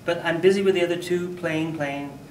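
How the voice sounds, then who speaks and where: A man giving a humorous storytelling speech at a contest, animated, with loud bursts for sound effects. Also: a little high, fairly quick, a little hiss or hum. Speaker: contest speaker. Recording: echoey hall, mic from far off.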